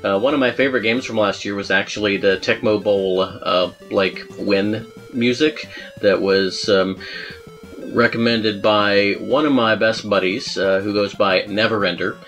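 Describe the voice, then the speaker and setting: A man with a fairly low voice hosts a podcast about video game music. He talks casually, mocks himself and laughs often. Faint music plays underneath. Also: steady tone, measured pace, a bit bright. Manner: chatty and self-mocking, laughs often, hums melodies. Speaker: podcast host.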